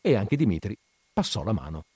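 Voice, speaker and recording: A man reading short stories aloud in an expressive, ironic storytelling manner. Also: fairly low pitch, fairly quick, slightly rough, dry recording. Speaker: reader.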